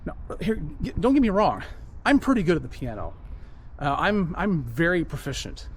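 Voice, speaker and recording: A male vlogger walks outdoors, talking earnestly in a reflective walk-and-talk monologue that rambles and repeats itself. His voice sits on the high side, swings widely in pitch, and moves at a normal speed, with slight noise behind it.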